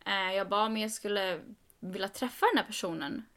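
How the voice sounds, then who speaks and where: Animated young woman with a gravelly edge. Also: medium pitch. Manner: animated, quoting others with "jag bara" and rising emphasis. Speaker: podcast co-host. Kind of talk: casual storytelling chat.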